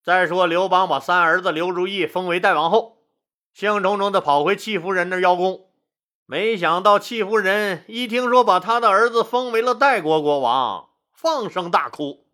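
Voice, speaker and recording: A man telling history stories as host of an audio show, lively and colloquial with asides. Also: high-pitched, moderate pace. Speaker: storyteller host. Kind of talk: history storytelling.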